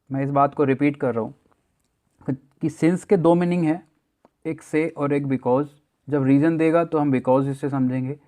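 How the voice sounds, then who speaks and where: A man's voice: mid-range voice, mellow, dry recording. A male teacher with an Indian accent explaining grammar step by step in a classroom lecture, asking the class rhetorical questions. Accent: Indian English words in Hindi speech. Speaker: English teacher.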